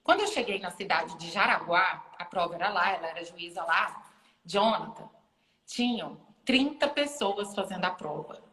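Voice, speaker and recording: A woman lawyer shares a story casually on a live video chat, sounding bright and sharp. She acts out the voices of the people in her story with leaps in pitch. Her voice carries a roomy echo with a long reverb tail. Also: normal speed. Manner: animated, acts out other people's lines with big pitch leaps. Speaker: lawyer and university lecturer, guest. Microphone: phone or laptop live stream. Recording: echoey room with long reverb.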